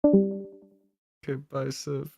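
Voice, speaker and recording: A streamer hosting casual chat over a voice call, relaxed and swearing casually. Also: mid-range voice, drawn-out words, creaky, over music. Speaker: streamer host. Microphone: online voice call.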